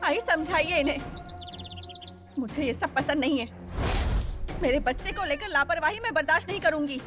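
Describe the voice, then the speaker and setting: A shrill, protective young mother. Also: expressive, brisk, over music. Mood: angry. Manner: shrill, urgent, sharp-tongued. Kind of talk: TV serial acting.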